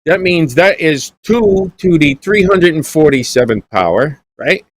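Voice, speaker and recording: A man's voice: fairly high pitch, expressive, measured pace, slightly rough, dry recording. A man hosting a Bible study show, telling folksy jokes and stories in casual chat. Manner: joking storyteller, folksy. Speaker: Bible teacher and show host.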